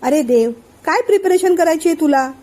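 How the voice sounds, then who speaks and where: A woman voicing a calm older man who patiently explains and soothes his friend. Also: very high-pitched, fairly quick, pitched above the performer's own voice. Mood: calm, persuasive. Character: calm older male friend and family elder.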